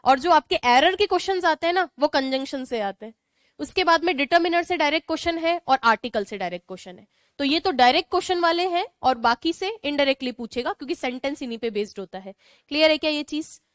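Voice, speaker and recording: Indian-accented woman teacher, high voice, asks the class questions and repeats key points, dry close mic. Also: lively intonation, fast, dry recording. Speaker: English grammar teacher. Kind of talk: online class lecture.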